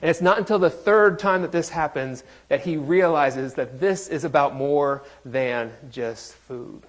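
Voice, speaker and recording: A man's voice: a little high, measured pace. A man preaching a sermon in a conversational, joking way, quizzing his congregation. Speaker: pastor.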